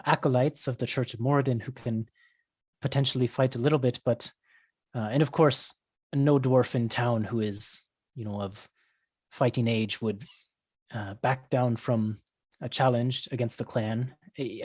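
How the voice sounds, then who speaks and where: A man voicing a worried, weary dwarf woman who leads a town, speaking haltingly and earnestly in a tabletop game. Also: medium pitch, darkish tone, no echo, lightly acted.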